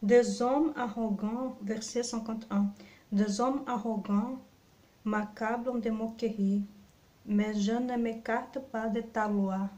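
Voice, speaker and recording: Slow, mellow woman with a non-native French accent. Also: a little high, steady tone, roomy sound. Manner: slow, careful phrasing with pauses. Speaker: Bible teacher. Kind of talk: scripture reading and devotional reflection.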